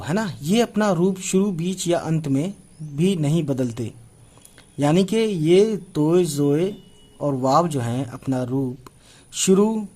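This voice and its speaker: A young man in his twenties gives a writing lesson, spelling letters out one by one and repeating himself with patience. His voice sits a little high for a man. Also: mellow. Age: 20s. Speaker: Urdu teacher.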